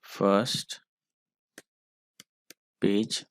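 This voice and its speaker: Slow gravelly male teacher, dry close sound. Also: on the low side, level tone, no echo. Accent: Indian English. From India. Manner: slow, step-by-step dictation of code. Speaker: computer teacher. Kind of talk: screen-recorded coding lesson.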